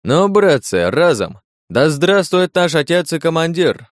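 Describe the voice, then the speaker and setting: A man's voice: fairly low pitch, moderate pace, clear, resonant tone, dry recording, studio quality, close to an everyday voice. A man voicing a sly, mocking demon disguised as a clerk, jeering and coaxing in an audiobook. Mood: rowdy. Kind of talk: audiobook character voice.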